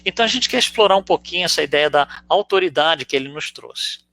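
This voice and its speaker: A spiritist lecturer with a Brazilian Portuguese accent delivers a conversational teaching talk, explaining through rhetorical questions and frequent tag questions. His voice is fairly high, gravelly and sharp, and he speaks fast and animatedly.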